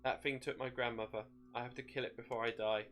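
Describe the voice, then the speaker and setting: A man's voice: medium pitch, flat delivery, quick pace, a bit bright, soft background music, lightly acted. Man reading as a defiant, anguished young woman. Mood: vengeful. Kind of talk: dramatic storytelling character voice.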